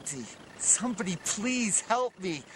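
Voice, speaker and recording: Stammering high-voiced man, frantic. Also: animated, a little slow, fairly bright tone, slight background noise. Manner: stammering, repeats words in nervous bursts; frantic, self-mocking. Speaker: comic monologue performer. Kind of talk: comic confessional monologue.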